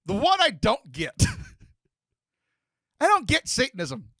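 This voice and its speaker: Animated, bright-voiced male podcast host. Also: very high-pitched, a little slow, dry recording, clean studio sound. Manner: animated, joking, many fillers and restarts. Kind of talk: casual podcast chat.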